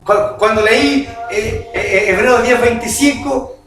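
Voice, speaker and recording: A middle-aged man preaching a sermon, animated and often asking the congregation if they agree. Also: extremely high pitch, takes it slowly. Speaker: pastor. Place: church hall. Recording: echoey hall, distant mic, music behind.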